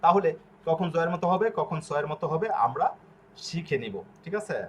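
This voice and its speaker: A man with a slightly high-pitched voice teaches a pronunciation lesson. He spells out letters and repeats short syllables slowly and deliberately. He speaks Bengali as his first language. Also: highs cut off, a little hiss or hum.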